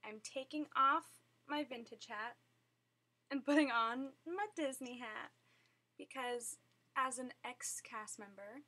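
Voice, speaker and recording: Casual young woman vlogger from SoCal, giggly filler-heavy chat, bright, slightly high voice. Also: slow pace. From Southern California. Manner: chatty, giggly, lots of fillers.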